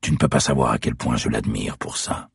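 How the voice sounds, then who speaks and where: A man voicing a young masked killer who talks in a slow, taunting, mocking way. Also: extremely low pitch, gravelly, slightly rough, no room sound, clean studio sound, heavily acted. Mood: brooding. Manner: sneering, taunting, slow and deliberate.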